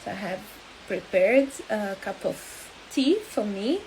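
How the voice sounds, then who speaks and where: Woman in her 30s, talks real slow and halting on a live stream, faint hiss behind. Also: medium pitch, expressive, a little mellow, poor audio. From Angola. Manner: halting and hesitant, with many pauses. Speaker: health coach.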